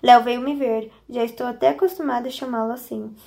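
A woman narrating a first-person story in an expressive, emotional reading. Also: a little high, quick pace, vocal fry.

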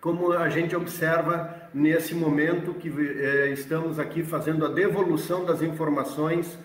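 A Brazilian man giving an explanatory presentation, haltingly, repeating words as he searches for phrasing. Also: on the high side, steady tone. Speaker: agricultural extension worker, interviewee. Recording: roomy, echoey, distant from the mic.

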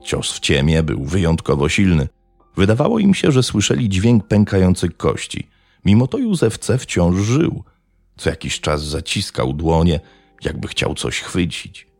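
A man narrating a true-crime story in a measured, grave tone. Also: deep voice, wildly swooping pitch, gravelly, darkish tone, breathy edge, no room sound, studio quality. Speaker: podcast narrator.

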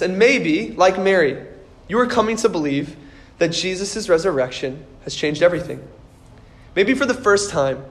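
A man preaching an Easter sermon as pastor, telling the story earnestly and slowing down and softening on the key words. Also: high voice.

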